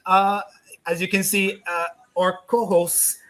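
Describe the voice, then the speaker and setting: A middle-aged man from Barbados hosts a relaxed online chat. His voice sits a little high and sounds bright, and his manner is courteous and chatty. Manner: courteous, talkative, halting at the guest's name. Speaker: host. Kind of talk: casual video-call chat.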